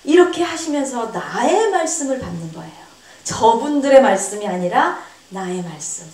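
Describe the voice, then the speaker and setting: Woman, pastor's wife, earnest sermon delivery, fairly high voice, echoey far-off hall sound. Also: very animated, moderate pace, a little mellow. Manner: earnest, acts out quoted voices with big pitch jumps. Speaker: pastor's wife leading a seminar. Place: church hall.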